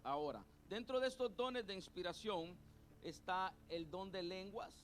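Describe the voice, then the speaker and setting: A middle-aged male pastor preaching a sermon, leading the congregation to repeat terms after him and repeating his points slowly. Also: high-pitched, slight background noise. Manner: call-and-response teaching, has the congregation repeat terms; spells out words letter by letter and repeats points slowly.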